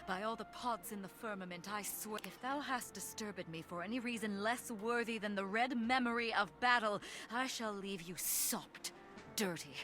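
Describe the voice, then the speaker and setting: A woman's voice: mid-range voice, moderate pace, natural voice. A woman playing a haughty, fierce warrior goddess in a video game, declaiming grandly in archaic speech. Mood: outraged, imperious. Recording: music behind the voice.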